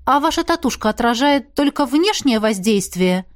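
A woman reading the part of a bold, sharp-tongued young female magic student in a fantasy audiobook. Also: fairly high pitch, lively intonation, pitched above the performer's own voice, close to an everyday voice. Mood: teasing, eager. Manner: cheeky, quick, teasing.

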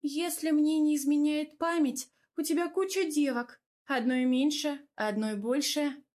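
A woman's voice: high-pitched, fairly even intonation, unhurried, a little mellow, pitched above the performer's own voice. A woman voicing a sly, sarcastic female neighbor with a teasing manner in an audiobook. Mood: mocking. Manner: mocking, teasing.

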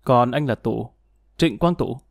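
A man voicing a terse, composed male former soldier who speaks bluntly and low-key. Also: measured pace, gravelly, no echo, studio quality.

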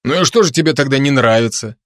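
Brief: man playing a sardonic, grumbling constable for an audiobook, middle-pitched, dry close sound. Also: animated, quick pace, a bit bright, no room sound, lightly acted. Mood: wry, grumbling. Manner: dry, sardonic, chatty banter with a cat.

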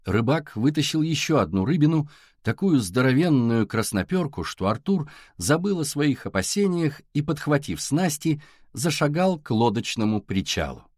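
A man narrating a novel aloud in a scripted, expressive reading. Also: on the high side, moderate pace, no echo, studio quality. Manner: expressive reading with acted dialogue. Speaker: audiobook narrator.

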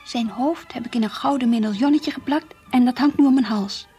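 In this faintly hissy old radio play recording, an earnest, high-voiced, devout Dutch girl in her teens performs diary monologue and dialogue with a Netherlandic accent. Her manner is earnest, dreamy and stubborn, and here her mood is dreamy and confiding. She speaks briskly in a dark, husky tone with faint music behind her.

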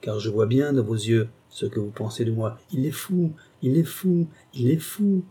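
A man's voice: fairly low pitch, steady tone, normal speed, slightly rough. A man voicing a tormented old gambler who believes he sold his soul, speaking with impassioned, feverish intensity in an audiobook reading. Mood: raging. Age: older. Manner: impassioned, swings from grave confession to raging shouts.

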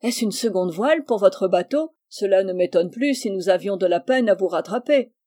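Woman reading as an excitable, teasing boy. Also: medium pitch, moderate pace, lightly acted. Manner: exclamatory and joking.

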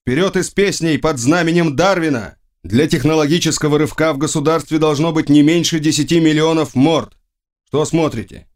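A man's voice: on the high side, brisk, voice pushed up, natural voice. A man voicing a blunt, sardonic male emperor for an audiobook, with firm pronouncements. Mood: lecturing. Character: imperious young male emperor, blunt and mocking. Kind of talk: audiobook reading.

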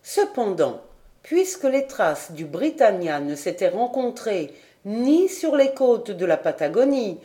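A woman narrates an audiobook of a classic adventure novel at an unhurried, measured pace. Her voice sits at a middle pitch and has a mellow, soft tone. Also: big pitch swings. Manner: slow, measured reading. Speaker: audiobook reader.

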